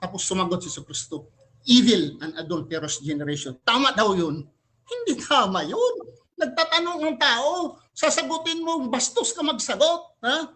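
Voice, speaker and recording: A man argues in a religious debate, and his delivery is forceful and emphatic. He keeps challenging the other side with rhetorical questions and switches languages freely as he talks. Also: extremely high pitch, big pitch swings, moderate pace. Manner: switches between Tagalog and English mid-sentence. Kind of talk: live religious debate argument.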